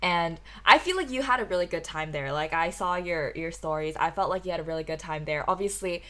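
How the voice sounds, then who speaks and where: Young woman, from Hong Kong, podcast host, casual chatty talk, slightly low pitch. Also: brisk, bright, forceful tone. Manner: chatty, fillers with "like", restarts.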